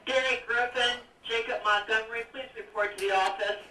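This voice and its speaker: A man calling students to the office over a school intercom, heard through the building's loudspeaker. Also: high-pitched, steady tone, fairly quick. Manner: calling out names and instructions. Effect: school intercom announcement. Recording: echoey intercom heard from far off.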